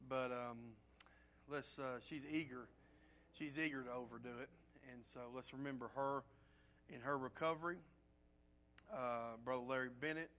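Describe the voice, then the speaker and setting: A man with a rattly, congested throat, speaking as a pastor in a folksy, halting, conversational way as he gives informal church announcements. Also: mid-range voice, pushed and bright, a little hiss or hum. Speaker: pastor leading an evening church service.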